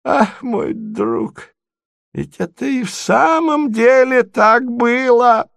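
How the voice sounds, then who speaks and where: A man voicing a confused, sentimental old prince who rambles and turns tearful, in a high, quavering voice. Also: very animated, takes it slowly, gravelly, no echo, studio quality, heavily acted. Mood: delighted. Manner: muddled, rambling, easily tearful.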